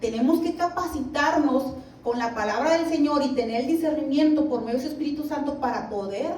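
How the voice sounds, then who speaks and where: A high-pitched woman teaches a Bible lesson in a church hall. She reads scripture at a slow, careful pace and keeps checking in with her listeners. The recording is roomy, picked up from a distance with faint noise behind her. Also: darkish tone. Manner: reads scripture slowly, asks the listeners "¿verdad?". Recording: echoey room, mic at a distance, faint background noise.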